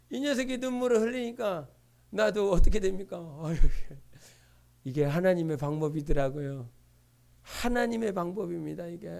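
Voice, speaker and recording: A male pastor preaches a fervent Sunday sermon in a church, asking his congregation rhetorical questions and answering them himself. His voice sits very high for a man and carries a gravelly, rough-edged texture. He builds the message through repeated refrains. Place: church sanctuary.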